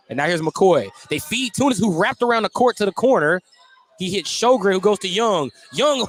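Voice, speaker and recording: A man with a high voice calls a basketball game live on radio from a gym. He tracks the play in short, clipped phrases, naming each move as it unfolds.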